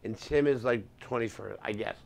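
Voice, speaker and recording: A man's voice: mid-range voice, moderate pace, creaky. Bawdy joking man in his sixties. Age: 60s. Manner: joking storyteller with bawdy punchlines. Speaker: guest comedian. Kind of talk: casual talk-show banter.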